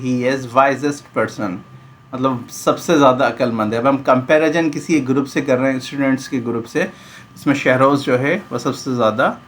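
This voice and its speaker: A man teaching an English grammar lesson, explaining slowly and repeating examples. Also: mid-range voice, slight background noise.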